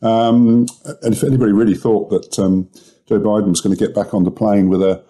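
A man giving market commentary as a guest analyst, halting with frequent ums and a rough first-thing-in-the-morning voice. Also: fairly low pitch, little pitch movement, warm tone. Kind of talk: casual expert commentary.

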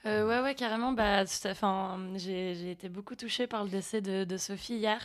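A woman's voice: medium pitch, fairly quick. A woman, co-hosting a casual music chat and speaking reflectively with lots of hesitation. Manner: hesitant, many fillers, reflective. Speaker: podcast co-host.

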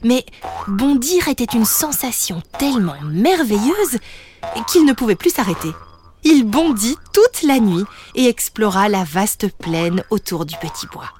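A woman narrating a children's bedtime story in a gentle, sometimes hushed way. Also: on the high side, very animated, measured pace, soft background music.

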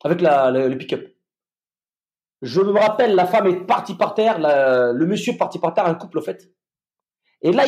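A middle-aged man with a fairly high voice tells a story from his time as a soldier in a relaxed, conversational way. He stumbles and restarts often, filling gaps with hesitations, then pushes on with vivid detail. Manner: halting, many restarts and fillers, vivid retelling. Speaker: former soldier telling his experience.

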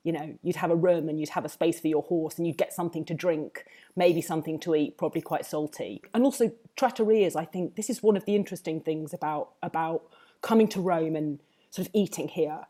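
Mellow, lower-voiced Home Counties Englishwoman. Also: fairly quick. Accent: southern English, Home Counties. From Hertfordshire, England. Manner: discursive, circling back with repeated hedging phrases. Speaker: food writer, interview guest. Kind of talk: reflective conversational interview.

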